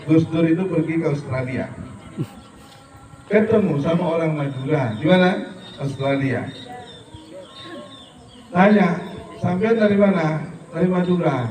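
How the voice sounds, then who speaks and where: A man's voice: fairly high pitch, a little mellow, recorded from a distance, slight background noise. Jokey man preaching in an echoey hall. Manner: jokey, mimics regional dialects in quoted bits; preachy, motivational to students. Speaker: religious speaker at a school event. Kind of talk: humorous religious lecture. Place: school hall.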